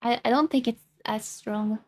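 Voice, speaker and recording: A young woman from France chats while reacting to a video as a VTuber, her French-accented speech rambling and full of self-conscious restarts. Her voice leans high, with fairly even intonation at a normal speed.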